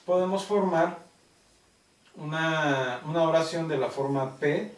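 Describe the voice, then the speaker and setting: A man with a Mexican accent teaching a logic class, talking deliberately and constantly checking that students follow. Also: on the high side. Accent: Mexican Spanish. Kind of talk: classroom lecture. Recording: roomy classroom, mic far off.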